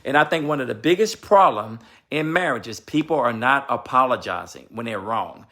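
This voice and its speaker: A man's voice: medium pitch, animated, moderate pace, bright, forceful tone. A man giving marriage advice in a vlog, talking in an emphatic, repetitive, sermon-like way and addressing his viewers directly. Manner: addresses viewers and asks his wife for confirmation. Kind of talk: preachy casual talk.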